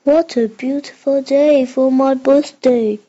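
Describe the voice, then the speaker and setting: A child doing a slow, high-voiced storybook bear. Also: female voice, steady tone, mellow, muffled recording. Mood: cheerful, slow. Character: friendly birthday bear in a picture storybook.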